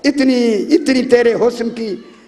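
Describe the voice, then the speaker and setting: A man's voice: very high voice, slow, mellow. A preacher voicing an aged, lovesick woman pleading during a sermon. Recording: long hall reverb, faint crowd.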